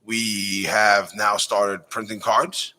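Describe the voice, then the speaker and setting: A man hosting a casual cannabis talk show, chatting in a relaxed, announcer-like way. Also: on the low side, slow, rough recording. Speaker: podcast host. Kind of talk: casual chat.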